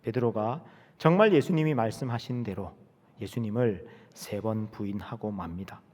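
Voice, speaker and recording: A male pastor preaching a sermon, telling the story dramatically and moving between loud and hushed delivery. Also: lowish voice, normal speed. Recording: reverberant church hall.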